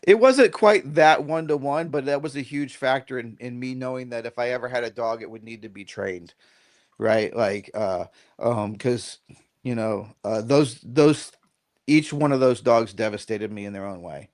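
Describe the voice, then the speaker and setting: At a normal speed and in a mid-range voice, a middle-aged man chats as a podcast guest who trains dogs. He rambles casually, keeps saying "right?", and plays out small quoted lines like an animated storyteller.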